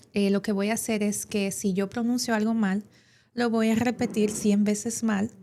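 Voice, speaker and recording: A woman with a Dominican Spanish accent explains English pronunciation on a podcast. Her voice sits at a middle pitch, and she pauses on fillers while she works through examples. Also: a little mellow. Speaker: English teacher.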